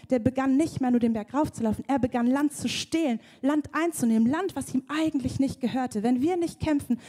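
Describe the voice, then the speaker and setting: A woman's voice: fairly high pitch, mellow. A young adult woman preaching a sermon with vivid storytelling, now and then acting out prayers. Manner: vivid storytelling, acts out prayers and a crying baby. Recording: long church hall reverb.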